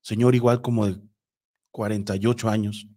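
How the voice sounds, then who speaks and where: A man's voice: lowish voice, little pitch movement, normal speed, dark tone. Man telling a spooky story. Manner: conversational, with filler words and restarts, addresses listeners directly. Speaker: host of paranormal story show. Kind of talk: spoken storytelling.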